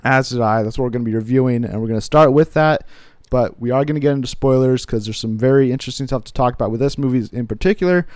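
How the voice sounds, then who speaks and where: A man's voice: mid-range voice, a little mellow, dry recording, studio quality. A man hosting a film podcast, reading an upbeat intro and then chatting easily with his co-host. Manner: quick, upbeat scripted intro then easygoing banter. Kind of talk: casual podcast chat.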